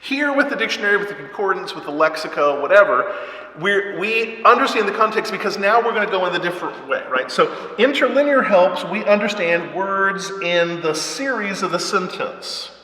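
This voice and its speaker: A man's voice: sits high, expressive, normal speed, sharp tone. A man teaching a Bible study class at church, explaining things step by step and often checking in with "right?" and "okay?". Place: church hall. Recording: echoey hall with long reverb.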